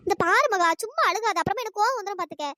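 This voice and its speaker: A woman's voice: very high voice, rapid-fire, bright, forceful tone, dry recording, studio quality. A woman doing a chirpy, comforting cartoon sister. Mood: soothing. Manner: reassuring, scolding. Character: caring, firm young sister. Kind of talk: cartoon storytelling.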